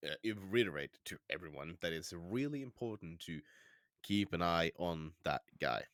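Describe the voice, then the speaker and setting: A man's voice: low-pitched, expressive, normal speed, fairly bright tone, no echo, studio quality. A man playing a tabletop game, rambling casually with lots of fillers and some swearing. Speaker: player.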